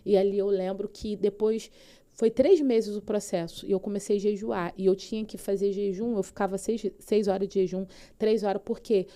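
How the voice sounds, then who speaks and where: A woman's voice: mid-range voice, fairly even intonation, moderate pace, warm tone. A woman pastor with a Brazilian Portuguese accent, telling her personal faith testimony as a podcast guest with fervent, vivid storytelling.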